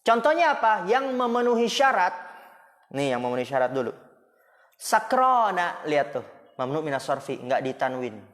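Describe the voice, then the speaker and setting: A man's voice: on the high side, lively intonation, fairly quick. A man teaching Arabic grammar to students in a casual way, with rhetorical questions and jokes. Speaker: Islamic school teacher. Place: Islamic boarding school classroom. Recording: long hall reverb.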